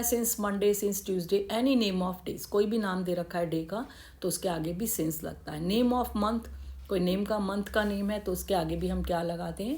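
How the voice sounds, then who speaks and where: A woman teaching English grammar in Hindi, explaining step by step with rhetorical questions and slowly spelled-out English examples. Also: mid-range voice.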